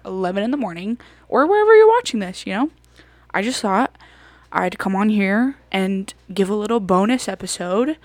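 A woman's voice: medium pitch, dry recording. Chatty young woman hosting a podcast. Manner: chatty, rambling, lots of fillers and giggles. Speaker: podcast host. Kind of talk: casual chat.

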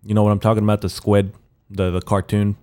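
A man with a raspy morning voice hosting a casual solo podcast, rambling haltingly with profane, slangy bro-talk. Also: lowish voice, little pitch movement, mellow. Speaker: podcast host.

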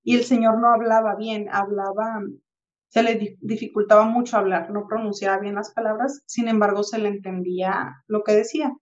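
A woman's voice: mid-range voice, normal speed, dull audio. A Mexican woman in her thirties chatting casually on a podcast, telling a reflective everyday story and acting out the people she quotes. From Tijuana, Mexico. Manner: reflective, animated anecdote-telling with acted-out quotes. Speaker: podcast co-host.

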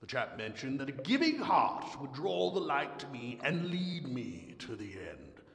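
A man voicing a pompous, greedy old male rat who hoards food, speaking gruffly in haughty old-fashioned phrases. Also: medium pitch, huge pitch swings, unhurried, a bit bright, heavily acted. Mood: boastful. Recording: echoey room with long reverb.

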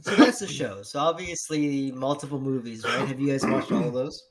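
A man's voice: mid-range voice, normal speed, a crowd in the background. A man co-hosting a podcast in casual chat, teasing with laughing disbelief. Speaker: podcast co-host.

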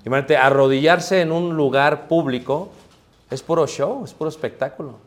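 A man preaching a sermon, talking to the congregation in a conversational way and asking them rhetorical questions. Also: medium pitch. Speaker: pastor.

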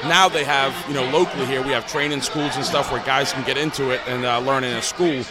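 A man's voice: medium pitch, steady tone, brisk. A man from Newcastle, England, a professional wrestler, answering interview questions casually with many fillers. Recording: loud music and crowd behind.

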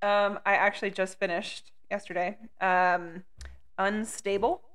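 Easygoing woman co-host, bright tone. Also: mid-range voice, little pitch movement, a little slow, clear, resonant tone. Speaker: podcast co-host. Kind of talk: casual chat.

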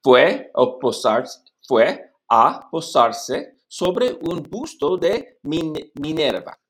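A man whose first language is English, practicing a poem recitation as a Spanish learner, halting and repeating words syllable by syllable. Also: a little high, animated, a bit bright. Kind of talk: practicing poetry recitation in a lesson.

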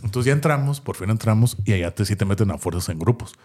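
Fast-talking man telling a story. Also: on the low side. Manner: animated, laughing anecdote-telling with voiced impressions. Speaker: podcast co-host. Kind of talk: casual storytelling chat.

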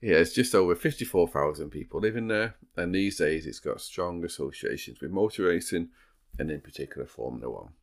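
A man's voice: sits low, expressive, fairly quick, creaky. A man hosting a true crime podcast, moving between casual banter and storytelling, with a dry, teasing humour. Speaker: podcast host.

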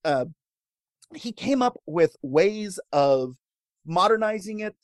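A man co-hosting a casual chat, telling food history with wry, deadpan jokes. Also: high-pitched, slow pace, no room sound, studio quality. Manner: wry, deadpan jokes, laughs at own lines. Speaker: podcast co-host telling history.

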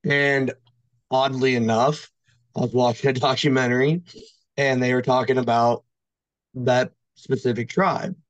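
Telling personal anecdotes as a guest on a podcast, a man rambles and hesitates in a casual chat, constantly using "like." His medium-pitched voice is unhurried and fairly even, and the audio is dull with no room sound.

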